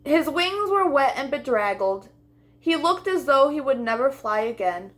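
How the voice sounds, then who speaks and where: Her voice sitting high, a storytime host reads a children's picture book aloud, using a deliberate, expressive delivery aimed at young listeners.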